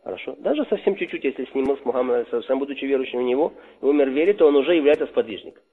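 A husky man teaches a religious lesson, posing questions to his listeners and answering them himself. His voice carries a long reverb and comes through a thin, phone-like line. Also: medium pitch, rapid-fire. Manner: asks rhetorical questions and answers them, repeats key terms. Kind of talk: religious lesson explaining a text. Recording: reverberant hall over a tinny phone-like line.

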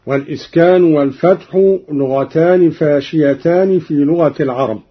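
Husky man teaching recitation, lo-fi. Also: fairly high pitch. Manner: measured, deliberate, drawn-out recitation of examples. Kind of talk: instructional explanation with slow recited examples. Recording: dull lo-fi recording.

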